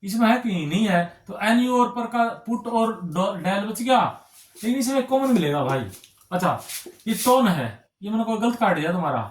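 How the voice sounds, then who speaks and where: A man's voice: high-pitched, animated, moderate pace, echoey room. A male teacher explaining exam reasoning problems, often checking in with his students and calling them brother and friends. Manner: repetitive, keeps checking with "ठीक है ना". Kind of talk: reasoning lesson at a whiteboard.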